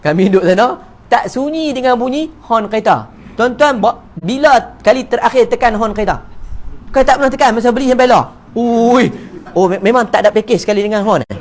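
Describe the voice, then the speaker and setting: Malaysian man, Malay accent, fairly high voice, lively joking religious talk full of acted-out exchanges. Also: brisk. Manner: lively, joking, acts out little dialogues. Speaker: religious teacher. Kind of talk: evening mosque talk. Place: neighbourhood prayer hall.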